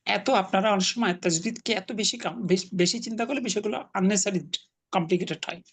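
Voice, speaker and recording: A man's voice: sits high, fairly quick, a bit bright, husky. A man teaching an Arabic class online, patiently explaining grammar and correcting his students' pronunciation.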